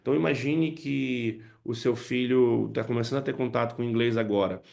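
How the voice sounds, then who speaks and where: A man's voice: mid-range voice, steady tone, brisk, gravelly, a little mellow. A man teaching how to use poems in English lessons, explaining step by step and checking in with his listeners. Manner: explanatory, frequent "né" and "tá" check-ins. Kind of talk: spoken lesson to parents and teachers.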